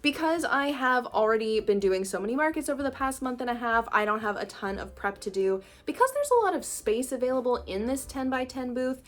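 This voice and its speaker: A woman's voice: high-pitched, expressive, fairly quick, few pauses. A young woman, a self-employed illustrator, chatting casually in a vlog and laughing often as she thinks aloud. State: groggy morning voice. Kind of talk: casual vlog talk to camera.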